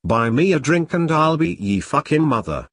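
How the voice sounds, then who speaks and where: A man's voice: a little high, big pitch swings, normal speed, a bit bright, no echo, studio quality, voice pushed up, exaggerated voice. A man voicing a half-drunk, red-haired Irishman in his early thirties, with a thick Irish accent and a crude, cheeky swagger.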